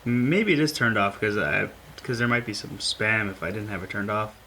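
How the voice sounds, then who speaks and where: A man hosting a podcast in a loose, casual chat. He talks haltingly, with plenty of fillers as he works things out, and a faint hiss of noise sits behind him. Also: on the low side, bright, forceful tone, low-quality recording. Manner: halting, filler-heavy, thinking aloud. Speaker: podcast host.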